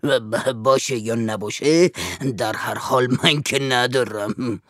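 A man's voice: medium pitch, fairly even intonation, a bit bright, no room sound, clean studio sound, lightly acted. An actor playing a broke, bossy father who stammers and hems in a storybook reading. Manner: hesitant, stammering with filler sounds. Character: broke, fast-talking father, wheedling and bossy. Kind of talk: audiobook voice acting.

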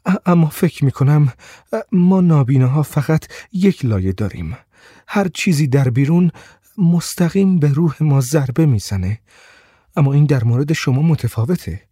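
A man voicing a gentle, shy blind woman who speaks softly and hesitantly, stammering at times. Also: on the high side, animated, slightly rough, no room sound, clean studio sound. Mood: wistful. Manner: soft, hesitant, stammers when upset.

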